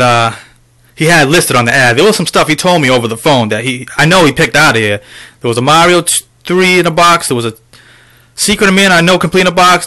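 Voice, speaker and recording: A man's voice: a little high, sharp tone. A man vlogging about a game haul, telling a rambling, profane story to his viewers with lots of fillers. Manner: addresses viewers directly. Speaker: video game collector vlogger. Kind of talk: casual ranting vlog.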